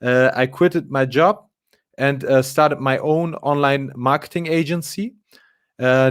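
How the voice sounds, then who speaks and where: A man's voice: medium pitch, dry recording, studio quality. A man, a guest in a casual live interview, talking with many fillers and restarts. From Germany. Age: 20s.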